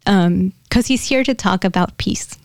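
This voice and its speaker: A young woman guest on a podcast, chatting casually and describing a spiritual channeling, often laughing and dropping to a soft near-whisper. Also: medium pitch, unhurried, no room sound, clean studio sound.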